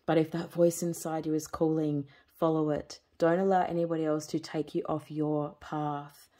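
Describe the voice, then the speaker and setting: A woman giving a spiritual tarot reading, talking in slow, soothing, repetitive phrases. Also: sits low, flat delivery, mellow. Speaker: tarot reader.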